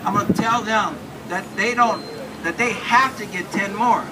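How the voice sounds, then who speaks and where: An earnest man with a high voice rallies a crowd outdoors, repeating himself as he builds up. The phone that catches him sits at a distance, and loud street and traffic noise runs under everything. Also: normal speed. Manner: earnest, repetitive restarts, rousing. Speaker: state commissioner and magazine publisher. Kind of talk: speech at an outdoor rally. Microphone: handheld mic, filmed by a phone from far off.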